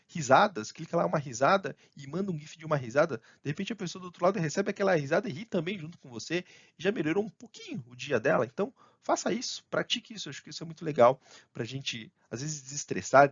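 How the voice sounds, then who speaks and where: Man giving an animated conference talk. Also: on the high side, slightly rough, dry recording, muffled recording. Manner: animated, acts out colleagues' lines in a raised voice; many fillers and restarts. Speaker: conference speaker.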